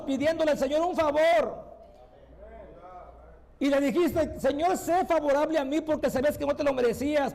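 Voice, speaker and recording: A male pastor preaching a fervent sermon to his congregation, pleading and repeating himself, moving between loud calls and hushed low passages. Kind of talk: fervent Spanish-language sermon. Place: church.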